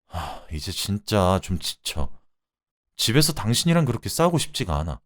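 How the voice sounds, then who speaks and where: A man's voice: lowish voice, big pitch swings, fairly quick, no echo, studio quality. A man voicing a sheepish husband who mumbles and dodges in a radio-drama story reading. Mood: weary. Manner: mumbling, evasive. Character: sheepish husband, coaxing then weary.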